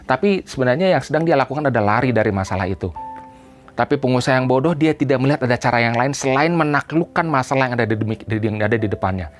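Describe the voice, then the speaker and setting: A man preaching a sermon to a church congregation. He speaks emphatically, addresses them directly, and builds to loud, repeated cries. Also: medium pitch, expressive, fast, faint music behind. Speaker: pastor. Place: church service.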